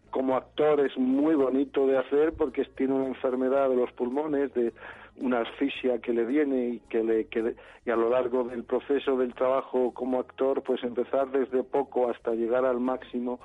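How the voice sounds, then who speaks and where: A man's voice: medium pitch, level tone. A man from Madrid, an actor, speaking in a phone interview, hesitant and full of restarts. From Madrid, Spain. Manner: halting, restarts often, searching for words. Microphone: telephone. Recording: phone line.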